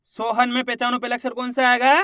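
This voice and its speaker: Man, high voice, patient reading teacher, dry close sound, repeats each syllable. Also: completely flat delivery, quick pace, pushed and bright, clean tone, no room sound. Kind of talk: slow step-by-step lesson, sounding out syllables.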